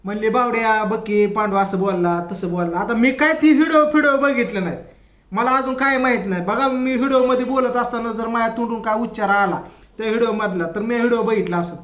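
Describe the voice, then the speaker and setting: A man with a strikingly high voice and a rants through a comedic family tale. He keeps quoting the people in the quarrel. The sound carries a noticeable room echo. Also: fast talker, fairly bright tone. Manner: ranting, retelling quarrels with quoted voices. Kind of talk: rural family-drama comedy monologue.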